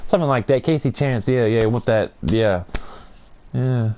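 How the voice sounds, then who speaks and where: A young man hosting a gaming video, calling a wrestling match play-by-play with excitable shouts and rambling asides. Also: mid-range voice, moderate pace, highs cut off, slight background noise. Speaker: gaming channel host. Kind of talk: play-by-play wrestling commentary over gameplay.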